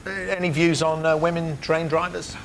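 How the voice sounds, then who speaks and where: A man's voice: on the high side, little pitch movement, vocal fry, slight background noise. A man hosting a television quiz show, reading questions and chatting with contestants in an upbeat way. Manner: brisk, upbeat, with frequent "uh" fillers. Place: television studio.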